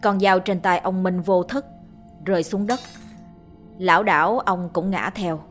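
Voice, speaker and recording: A woman storyteller reading a ghost story in a steady, measured way. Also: lowish voice, faint music behind. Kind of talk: scripted narration of a ghost story.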